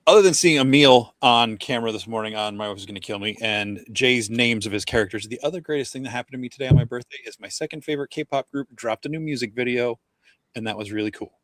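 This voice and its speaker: A man's voice: medium pitch, fast talker, a bit bright, no room sound. A man in his forties co-hosting a casual chat, rambling with lots of fillers. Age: 40s. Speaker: co-host.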